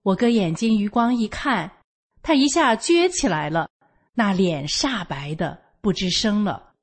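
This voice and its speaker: A woman's voice: medium pitch, expressive, measured pace, husky. An older woman from Northeast China with a Northeastern Mandarin accent, telling a personal story in a homely, matter-of-fact way. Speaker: storyteller sharing a personal account.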